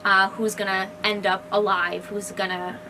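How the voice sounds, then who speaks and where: Inside a bookstore, a woman who writes fantasy discusses her books in a loose, excited, rambling way. Her medium-pitched voice is pushed and bright, with little pitch movement and a normal pace. The recording is noisy, with room ambience behind her.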